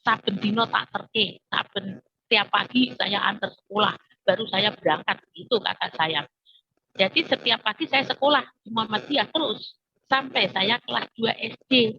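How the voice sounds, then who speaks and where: A woman's voice: medium pitch, moderate pace, gravelly, pushed and bright, a little hiss or hum. A woman with a Javanese accent telling her life story as a testimony, acting out the voices of people in it. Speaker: testimony speaker. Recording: dull lo-fi recording.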